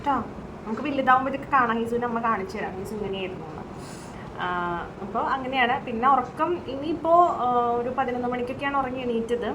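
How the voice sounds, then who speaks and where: A woman's voice: a little high, fast talker. A young woman from Kerala, a mother, chatting casually in a home vlog from her bedroom and often adding little "you know" tags. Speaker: vlogger and mother of a baby. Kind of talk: casual daily-life vlog. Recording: clear room ambience noise behind.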